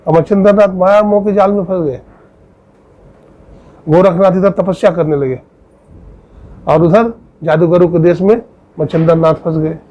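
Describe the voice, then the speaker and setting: A man's voice: steady tone, moderate pace, pauses often, dark tone. A male preacher telling a devotional story in sermon style, acting out the characters' dialogue. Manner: acts out dialogue, rises in pitch for quoted voices. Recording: dull lo-fi recording.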